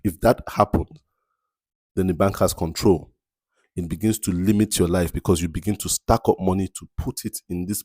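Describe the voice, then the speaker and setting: A man hosts a podcast with a motivational monologue, leaning on repeated phrases and drawn-out emphasis. His voice is very low and mellow. The sound is dry and close, with no room around it. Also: dry recording. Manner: repeats key phrases, asks "you understand?"; slows down to stress points. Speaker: podcast host.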